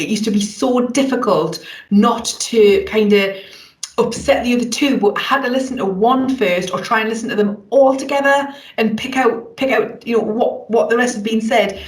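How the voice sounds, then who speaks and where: A woman who is a parent and podcast co-host, earnestly explaining her experience in a casual chat. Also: a little high. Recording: echoey room, away from the mic.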